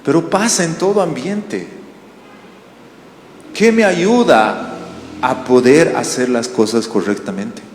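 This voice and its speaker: A man's voice: mid-range voice, slow, long pauses, slight background noise. A man from Bolivia preaching a sermon as pastor, telling stories and asking the congregation questions. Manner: animated storytelling with questions to the congregation. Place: church hall. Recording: roomy church hall reverb.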